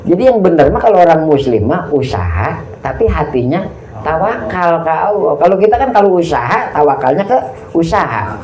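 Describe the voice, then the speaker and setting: A man's voice: fairly high pitch, big pitch swings, moderate pace, darkish tone, a little hiss or hum. A middle-aged man, giving an informal Islamic study sermon in folksy storytelling style, acting out prayers and dialogue. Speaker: religious teacher. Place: mosque study hall. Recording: echoey hall, faint ambience.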